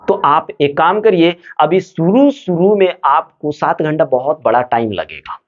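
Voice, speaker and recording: Lively teacher man, dull lo-fi recording. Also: on the high side, unhurried. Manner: asks questions and answers them himself. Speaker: study advice teacher. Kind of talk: motivational study talk to students.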